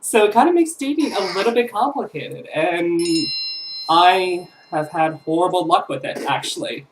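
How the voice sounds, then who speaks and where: A woman's voice: lowish voice, normal speed, noisy background. A woman in her twenties chatting casually to camera as a vlogger, rambling with fillers and self-corrections. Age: 20s.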